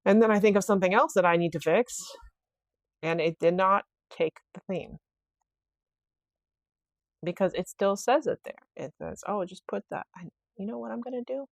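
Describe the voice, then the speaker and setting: A woman's voice: mid-range voice, normal speed, vocal fry, pauses often, no room sound. A woman hosting her own podcast in a casual, rambling solo chat, thinking aloud as she works through a problem. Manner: rambling, self-talk while fixing things, quotes herself; frequent fillers and restarts, laughs easily. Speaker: podcast host.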